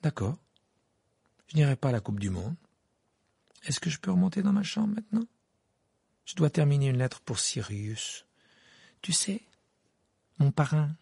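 Storybook teenage boy, calm and defiant, read by a male narrator, quick detached answers in a husky, lively voice. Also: on the high side, no room sound, clean studio sound, voice pushed up, heavily acted. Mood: curt.

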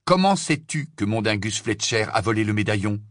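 A man voicing a fierce, commanding teenage boy wizard who fires off sharp demanding questions. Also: lowish voice, expressive, brisk, no echo, studio quality. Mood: urgent.

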